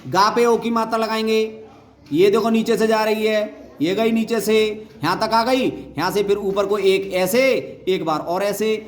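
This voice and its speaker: A male primary teacher gives a Hindi reading lesson, repeating each sound, asking questions and answering them himself, and calling out the syllables loudly. His voice is high, his tone steady and his pace moderate. The room is echoey with faint noise.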